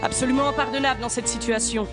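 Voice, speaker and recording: A woman's voice: on the high side, steady tone, fast, over loud music. A woman telling a scripted comic story in a theatrical, sarcastic way, with exasperated rants and crude slang. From Switzerland. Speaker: radio comedy columnist.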